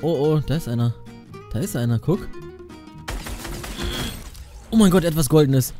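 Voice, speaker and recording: Lively, higher-pitched young man gaming host. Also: normal speed. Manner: informal, playful, excitable. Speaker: gaming video creator and host. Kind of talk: casual gaming chat in youth slang. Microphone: studio condenser microphone up close. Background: faint music.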